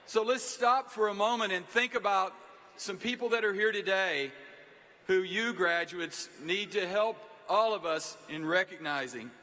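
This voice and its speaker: A university leader giving a rousing commencement speech to a packed venue, calling on the crowd to stand and cheer. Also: male voice, high voice, unhurried, pushed and bright. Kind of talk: commencement speech to a large audience. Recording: long reverb of a large hall.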